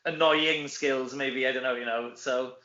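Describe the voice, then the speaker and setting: A Welsh man, an actor and comedy performer, chats casually as an interview guest in a mid-range voice that is steady, a little slow, pushed and bright. He's self-deprecating and anecdotal, often tagging sentences with "you know." The recording has a roomy echo and a dull, lo-fi sound.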